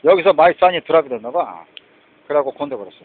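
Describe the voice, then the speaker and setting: A man with a fairly high voice, lively intonation and a fast delivery rambles in a monologue from inside a moving vehicle, switching between Korean and English phrases. The recording is tinny and lo-fi, with loud vehicle noise.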